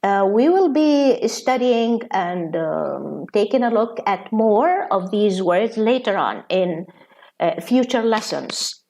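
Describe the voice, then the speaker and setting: A woman's voice: medium pitch, lively intonation, slow pace, gravelly, a little mellow. A woman teaching English pronunciation, reading word lists aloud with frequent fillers and restarts. Her first language is Arabic. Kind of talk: slow instructional lesson.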